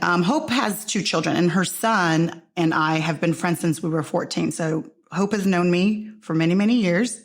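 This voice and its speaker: A woman hosting an interview podcast, introducing guests and encouraging them with warm affirmations. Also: lowish voice. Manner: friendly, encouraging, many affirmations. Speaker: podcast host. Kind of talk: casual interview chat.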